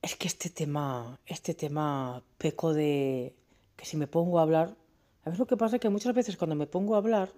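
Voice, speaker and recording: A woman's voice: low-pitched, moderate pace, mellow. A woman in her forties vlogging to camera in a candid, emphatic way, often restarting and asking rhetorical questions. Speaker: family vlogger. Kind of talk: talking to camera.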